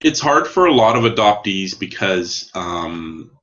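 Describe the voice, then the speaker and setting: A man telling a personal story as an interview guest, candid and halting, repeating words as he searches for phrasing. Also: low voice, very animated, pushed and bright, highs cut off.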